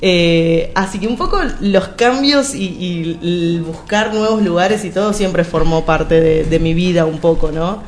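Appearing on a casual radio interview, a young woman from Argentina who sings rambles along with fillers and restarts in her Argentine Spanish accent. Her lowish voice is unhurried with few pauses, and a little hiss or hum sits in the recording.

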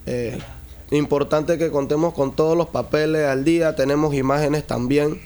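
A man's voice: on the high side, steady tone, normal speed, darkish tone, smooth. A young man from Panama with a Panamanian Spanish accent, a father being interviewed, speaking earnestly and with hesitant restarts. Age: young adult. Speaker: father seeking help.

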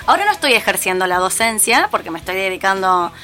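A woman's voice: medium pitch, sing-song, fast talker, pushed and bright, faint music behind. A woman in her thirties with a Rioplatense Argentine accent, a physical education teacher talking in a casual chat, chatty with frequent fillers. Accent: Rioplatense Spanish. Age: 30s. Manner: chatty, restarts and fillers often.

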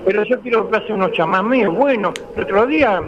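A man's voice: high voice, animated, brisk, lo-fi sound, background noise. An Argentine man calling in to a radio show, chatty and repeating himself. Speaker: caller. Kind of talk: phone-in chat.

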